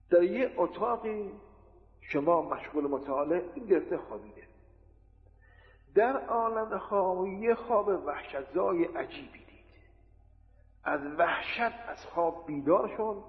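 A man giving a religious lecture, explaining with rhetorical questions and everyday examples. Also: sits high. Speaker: preacher. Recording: tinny lo-fi recording in an echoey hall.

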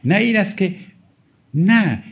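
A man's voice: high-pitched, very animated. A middle-aged male cleric giving a religious sermon, emphatic and pleading as he quotes and explains Arabic texts. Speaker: cleric preacher.

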